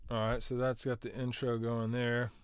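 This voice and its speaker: A man's voice: mid-range voice, little pitch movement, normal speed, loud music behind the voice. A man casually walking through how he produced a song, rambling with lots of filler words and restarts. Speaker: music producer.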